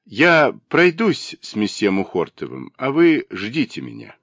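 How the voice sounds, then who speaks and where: A man reading a novel aloud puts on the voice of a mocking young gentrywoman, speaking quickly and sharply. He pitches her a bit above his own low voice, with lively swings. The sound is close and dry with no echo, and he commits to the full character voice.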